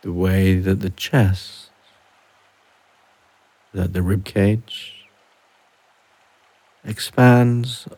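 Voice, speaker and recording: A man guiding a relaxation and breathing meditation, speaking softly and unhurriedly with long pauses between phrases. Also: deep voice, steady tone. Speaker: meditation guide. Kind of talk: guided relaxation.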